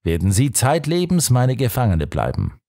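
A man reading the part of a menacing nobleman officer in an audiobook, his threats dark and rumbling. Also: wildly swooping pitch, moderate pace. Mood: threatening.

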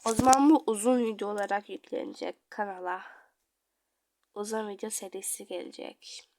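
A young woman chatting casually through her gameplay as a video creator, dramatic, drifting between murmurs and loud outbursts. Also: medium pitch, moderate pace, dry recording.

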